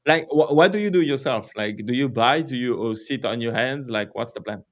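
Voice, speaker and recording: A man's voice: mid-range voice, fairly quick. A man with a French accent hosting a casual crypto livestream, rambling with lots of fillers, swearing and laughing.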